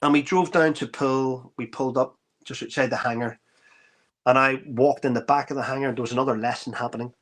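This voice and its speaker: A middle-aged army veteran telling an anecdote in casual talk, acting out the dialogue, with many restarts. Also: male voice, medium pitch, fairly even intonation, fairly quick, a bit bright. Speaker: author and army veteran guest. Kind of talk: casual spoken storytelling.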